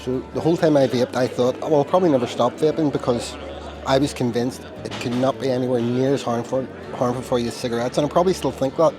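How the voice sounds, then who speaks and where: An Irish travel vlogger walks through old town streets outdoors, chatting casually to the camera about what he sees, with a crowd in the background and a music bed under his voice. He talks fast at medium pitch with fairly even intonation, rambling with self-deprecating asides and a chesty, tickly cough.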